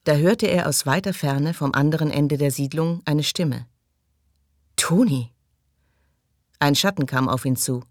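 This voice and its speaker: A man's voice: a little high, no echo, clean studio sound. Man narrating a dramatic audiobook. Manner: measured, dramatic storytelling. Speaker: audiobook reader. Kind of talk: scripted narration.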